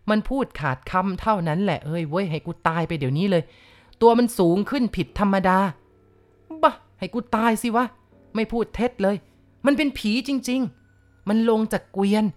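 A woman reading the part of a coarse, rough-talking rural man who tells a ghost tale bluntly and with swagger. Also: medium pitch, lively intonation, normal speed, close to an everyday voice. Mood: rough, boastful. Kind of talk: storytelling narration.

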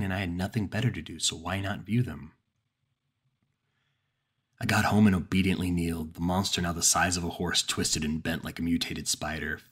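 A man narrating a first-person horror story in a measured, dramatic way. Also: low-pitched, slightly rough.

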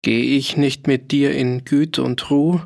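Stubborn peasant farmer, rough rustic talk, gravelly and slow, read by a male narrator. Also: medium pitch, steady tone, darkish tone. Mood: defiant. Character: defiant peasant farmer, middle-aged man, stubborn.

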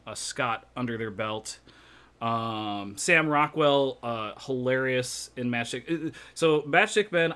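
A man hosting a casual podcast chat, often restarting words and filling pauses with uh, laughing easily. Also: medium pitch, fairly bright tone. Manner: stammering restarts, frequent uh fillers, laughs easily. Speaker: podcast host.

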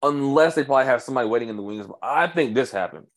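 A man in easy sports banter, his pitch moving a lot as he talks. He speaks in slang and keeps it loose, sometimes putting on other people's voices. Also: rapid-fire. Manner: animated, slangy, imitates others in a high voice. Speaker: podcast co-host. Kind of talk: casual sports chat.

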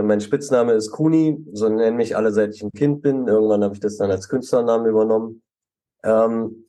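A middle-aged man from Germany, a photographer guest in a podcast interview, speaking relaxed with many hesitant fillers. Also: medium pitch. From Halle an der Saale, Germany.

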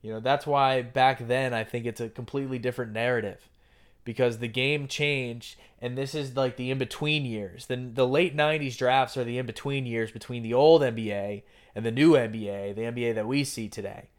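A man's voice: medium pitch, steady tone, fairly quick. A man hosting a podcast, talking basketball in a casual, opinionated way and often restarting his sentences. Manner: conversational, opinionated, frequent restarts. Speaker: podcast host.

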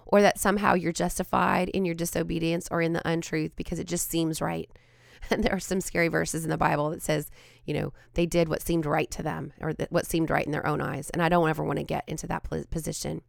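Hoarse and raspy from a cold, this woman's fairly low, gravelly voice carries her devotional podcast, where she works as host and Bible teacher. Her manner is earnest and reflective, full of ums and restarted sentences. The delivery sounds flat, recorded dry and close to the mic with no room sound.

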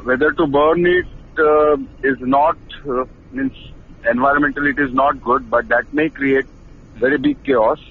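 A man in an informal phone consultation, halting as he searches for words. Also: mid-range voice, steady tone. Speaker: field relief worker. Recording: tinny phone line with noise.

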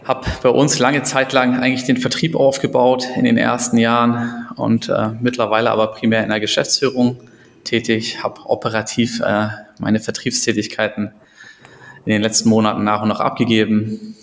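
A man's voice: medium pitch, flat delivery, moderate pace, vocal fry. A middle-aged man from Berlin, a company co-founder, talking hesitantly with many fillers in a casual interview. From Berlin, Germany. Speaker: co-founder guest. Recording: echoey room with long reverb.

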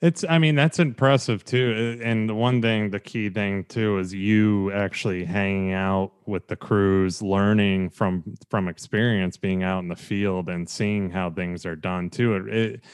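A man's voice: fairly low pitch, steady tone, measured pace, few pauses, smooth. A man hosting a podcast interview, talking in a rambling, friendly way with lots of fillers. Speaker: podcast host. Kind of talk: casual interview.

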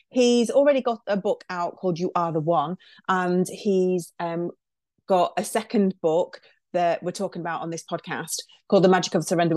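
A woman's voice: fairly low pitch, darkish tone, dry recording, studio quality. Chatty, enthusiastic woman podcast host. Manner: enthusiastic, chatty, many fillers. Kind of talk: podcast intro and interview.

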